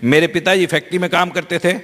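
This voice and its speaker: High-voiced male interpreter in a hall. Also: fairly even intonation, fast, a bit bright. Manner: fluent, conversational, with small restarts. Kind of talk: live consecutive interpreting. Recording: long hall reverb.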